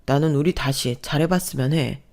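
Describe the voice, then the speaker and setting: A woman's voice: low voice, moderate pace, a little mellow. A woman voicing a pushy, scheming ex-husband in a radio story reading, talking down rudely. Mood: pleading. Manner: rude, demanding, then pleading.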